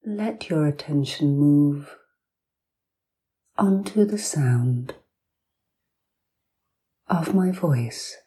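This woman host has a low, expressive voice, which she keeps breathy and near a whisper while guiding hypnosis in the manner of a sleep story. Soft and soothing, she speaks in short phrases broken by long pauses.

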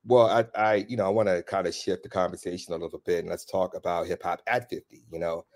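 A hip-hop journalist from Washington, D.C. leads a relaxed, casual conversation, steering the talk with plenty of fillers. His voice is low and a little mellow, with a level tone and a fast pace.

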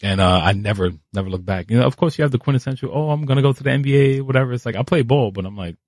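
New guy, rapid lively storytelling, kinda low voice, dry close sound. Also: no room sound. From New York City. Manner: animated, acts out quoted voices. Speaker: guest artist. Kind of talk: casual interview storytelling. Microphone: podcast studio mic.

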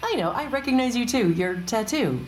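A woman's voice: a little high, lively intonation, fairly quick, soft background music, lightly acted. A woman playing a chatty American barista. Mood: curious.

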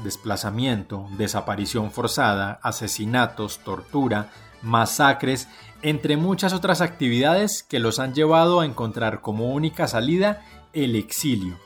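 A man hosting and narrating a documentary segment in a measured, explanatory way. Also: mid-range voice. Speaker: program host and narrator.

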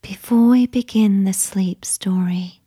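A woman telling a sleep story in a soft, soothing unvoiced whisper, guiding relaxation. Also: medium pitch, slow, breathy edge.

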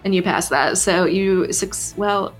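A woman's voice: lowish voice, measured pace, soft background music. A woman narrating as game master of a tabletop role-playing game.

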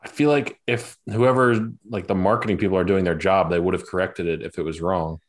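A man with a lowish voice trades teasing, wry banter as a sports podcast co-host. His talk is relaxed and conversational. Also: a little fast. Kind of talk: casual sports chat.

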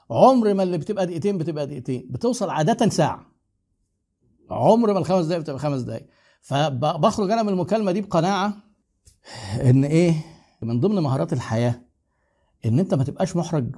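A man's voice: a little high, dark tone, breathy edge. A middle-aged man with an Egyptian accent, chatting casually as a host and giving advice to viewers. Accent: Egyptian Arabic. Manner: fast, chatty, lecturing with asides.

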